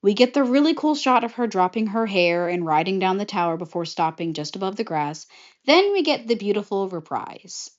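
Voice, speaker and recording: Animated woman pitching a movie idea. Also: normal speed. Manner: animated, chatty, jumps into character voices. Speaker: vlogger pitching a film idea. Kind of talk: casual retelling of a movie pitch. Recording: slightly muffled lo-fi audio.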